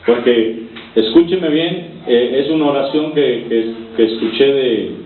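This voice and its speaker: A man's voice: medium pitch, unhurried. A male pastor giving a sermon, telling stories vividly and acting out the scenes, in a church hall. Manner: animated storytelling, acting out scenes. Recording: roomy, distant, tinny lo-fi recording.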